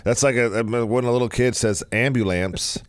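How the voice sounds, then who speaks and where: A man's voice: mid-range voice, level tone, brisk, darkish tone, clean tone, dry recording. A man co-hosting a radio show in casual chat, teasing and playful, and he slips into silly voices. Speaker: radio co-host.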